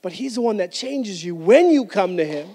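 Preaching into a handheld mic on the stage of a medium-sized indoor church hall, a man in his thirties speaks with emphasis, gestures and frequent restarts. He is a pastor whose high-pitched voice is animated and dark in tone, at normal speed. Long hall reverb is audible.

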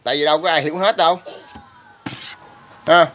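A man vlogging about raising chickens, talking in a rough, blunt way, ranting at critics and then explaining plainly. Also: a little high, steady tone, fairly quick, pushed and bright, slight background noise. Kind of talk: casual vlog talk.

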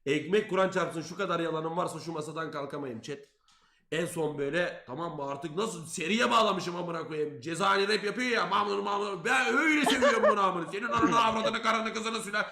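Loud, swearing young man with a bright voice. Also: a little high, a little fast, gravelly. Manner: animated, profane, quoting himself loudly. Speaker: streamer. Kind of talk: casual storytelling to chat. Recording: roomy echo.

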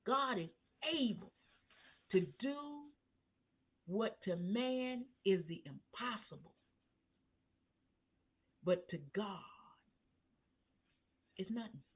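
A woman pastor preaching at a Bible study, in a slow, emphatic cadence that rises to fervent peaks. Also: mid-range voice. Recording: tinny phone-line sound.

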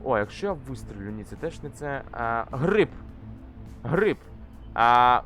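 A young man commenting casually on a climbing game he plays, swearing often and shouting when things go wrong. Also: mid-range voice, big pitch swings, unhurried. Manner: swears constantly, shouts in frustration while climbing. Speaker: gamer. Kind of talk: casual let's-play commentary. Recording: faint game music behind.

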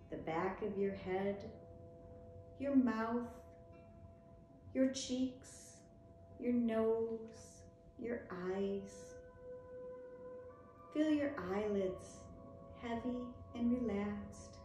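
A woman guides a relaxation meditation very slowly in a soft, soothing voice of medium pitch. She leaves long, gentle pauses between short phrases. The sound is heavily reverberant, with music playing behind her.

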